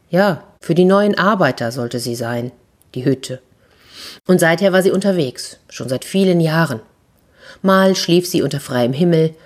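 Low, husky woman telling a fairy tale. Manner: expressive, with slow, dramatic pauses. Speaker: children's storyteller. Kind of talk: fairy tale narration for children.

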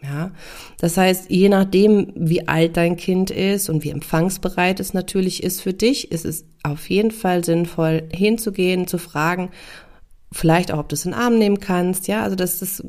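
A woman's voice: lowish voice, moderate pace, a little mellow. A woman hosting a parenting podcast in a conversational monologue, often checking in with the listener.

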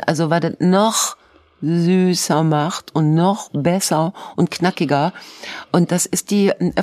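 A woman with a cold chats casually on a video call as a co-host, rambling on at length in a self-pitying way. Her voice is lowish and darkish in tone, with no echo.

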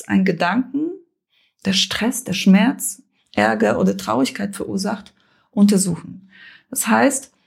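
A woman coach with a gravelly, slightly husky voice walks through her method in calm, measured steps. She speaks in short phrases with frequent pauses, explaining rather than performing. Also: medium pitch. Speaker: coach and mediator.

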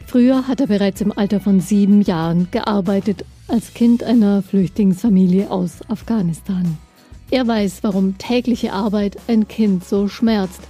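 A woman hosting a podcast, reading a scripted intro and then interviewing her guest in a measured, articulate way. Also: medium pitch, husky, soft background music. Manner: measured, articulate, even-paced. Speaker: podcast host.

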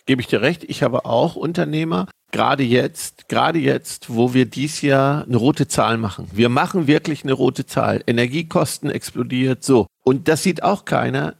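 A middle-aged man hosts a casual podcast chat, his voice gravelly and a bit husky. He talks emphatically, circling his points with filler tags, recorded dry and close. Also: mid-range voice, moderate pace, few pauses, no room sound. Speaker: podcast host.

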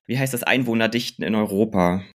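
A man's voice: on the low side, quick pace. Hesitant man co-hosting a podcast. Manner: hesitant, searches for words. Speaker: podcast co-host. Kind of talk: casual podcast chat.

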